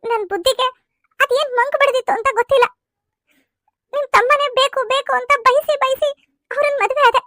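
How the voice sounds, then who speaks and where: A woman's voice: very high voice, steady tone, brisk, long pauses, a bit bright, no echo, studio quality. A woman voicing a young bride and student in a cartoon serial, pleading and tearful as she complains. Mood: sad.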